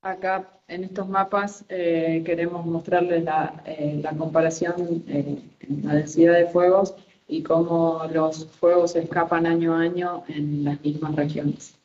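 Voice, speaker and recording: Webinar interpreter, monotone, lots of "eh", echoey and muffled from far away. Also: medium pitch, normal speed, slight background noise. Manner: flat delivery with frequent "eh" fillers. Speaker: moderator and interpreter. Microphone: video call.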